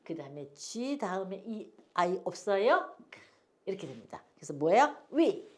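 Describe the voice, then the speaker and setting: A woman's voice: medium pitch, big pitch swings, measured pace. An older woman teaching an English phonics lesson, patiently repeating each word for learners to echo and drifting into homely stories.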